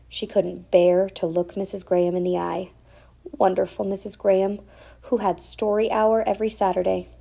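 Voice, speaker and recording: A woman with a creaky, mid-range voice reads a children's picture book aloud, telling the story in an expressive, deliberate way.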